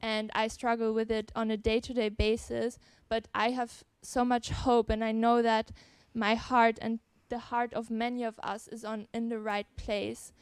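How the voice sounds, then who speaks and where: A young woman from Switzerland speaks earnestly on a panel, pausing softly as she gathers her thoughts. Her voice is smooth and clear, with a fairly flat melody. The sound is close and dry. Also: on the high side, dry recording. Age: young adult. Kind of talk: personal statement on a panel.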